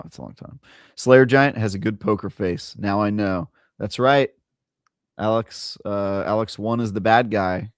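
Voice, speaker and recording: A man's voice: on the low side, dry recording, studio quality. An American man co-hosting a gaming podcast, joking around and reading out viewer comments. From United States. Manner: playful, jokey, reads viewer comments. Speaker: podcast co-host. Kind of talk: casual podcast chat.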